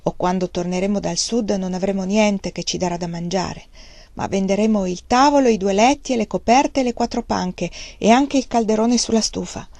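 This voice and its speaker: A woman voicing a peasant's wife who speaks in a flat, ordinary, calm voice. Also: mid-range voice, moderate pace, no room sound, lightly acted.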